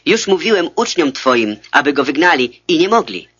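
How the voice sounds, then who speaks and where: A man's voice: on the high side, big pitch swings, normal speed, a bit bright, breathy edge, full character voice. A man reading the part of a desperate father pleading for his son, in an earnest scripture reading on a dull lo-fi recording.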